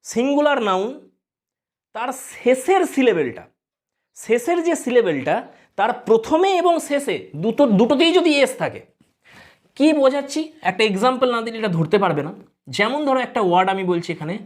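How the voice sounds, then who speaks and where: Bengali-accented woman teacher, fairly high voice, patient exam-prep explainer who quizzes the class. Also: big pitch swings, a little fast, pauses often, a little mellow. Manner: explains step by step, asks students rhetorical questions. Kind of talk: exam-prep grammar lesson.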